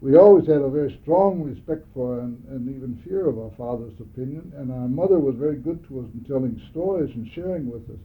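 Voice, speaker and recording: An elderly man reminiscing about his childhood in an oral history interview, speaking haltingly with many pauses and restarts. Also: mid-range voice, animated. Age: older. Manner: halting, frequent hesitations and restarts. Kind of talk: reminiscing conversation. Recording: narrow phone-like old tape.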